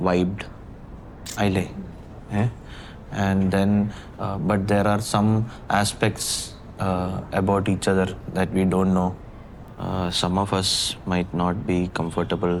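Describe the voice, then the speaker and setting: An actor playing a hesitant young man trying to keep the peace, speaking haltingly with many pauses. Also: fairly low pitch, gravelly, slight background noise, exaggerated voice. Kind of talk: short film acting.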